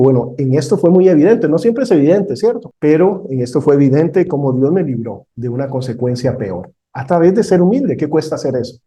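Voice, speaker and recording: A man's voice: mid-range voice, warm tone. A middle-aged man teaching a Bible counseling class, talking conversationally, asking the class questions and telling a personal story.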